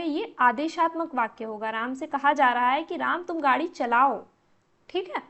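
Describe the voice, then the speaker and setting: Female lecturer, high-pitched, patient step-by-step exam-prep teaching, rhetorical questions. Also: fairly bright tone. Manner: explains step by step, asks and answers own questions.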